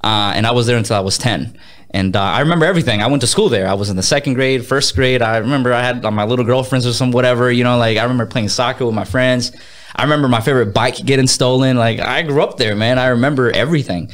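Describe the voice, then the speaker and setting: A man in his thirties from Mexico, a music artist talking as a guest in a casual interview, energetic, repeating words and slipping into Spanish phrases. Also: mid-range voice, quick pace. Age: 30s.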